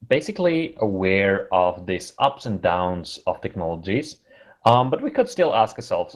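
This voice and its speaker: Man, German accent, lowish voice, conference talk, casual and chatty, halting with fillers. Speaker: conference speaker.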